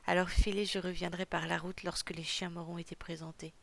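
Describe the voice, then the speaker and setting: Reader doing a cold young heir, flat, gravelly, commanding. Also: medium pitch, brisk, close to an everyday voice. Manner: commanding, threatening. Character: stern young male heir.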